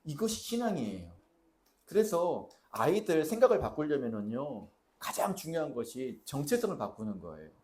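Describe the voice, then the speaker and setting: A male pastor preaching a sermon to his congregation, quizzing them and shouting out the lines he stresses. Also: a little high, sing-song, normal speed, slight background noise. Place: church sanctuary.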